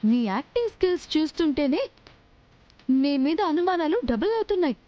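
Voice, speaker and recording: A woman's voice: high voice, animated, fairly quick, mellow, highs cut off. An actress playing a jealous, scheming young woman in a TV serial drama, accusing and threatening a maid.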